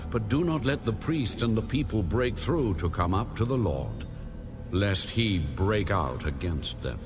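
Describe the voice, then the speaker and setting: Deep, slow, commanding voice of God. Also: male voice, expressive, over music. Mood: stern warning. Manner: solemn, deliberate. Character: God, a solemn commanding male deity giving stern orders. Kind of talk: dramatized audio Bible reading.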